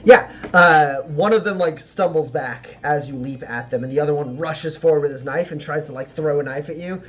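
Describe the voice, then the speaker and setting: A man running a tabletop game as game master, improvising narration in a halting, informal way. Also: a little high, a bit bright, dull audio. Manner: halting, laughs readily.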